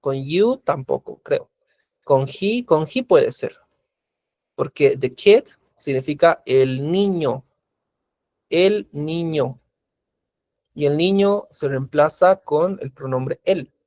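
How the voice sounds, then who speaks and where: Slow, patient man teaching a class. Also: a little high, expressive, a little mellow, no room sound. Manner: patient, repeats examples slowly, asks the class questions. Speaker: English teacher. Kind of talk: recorded class lecture in Spanish.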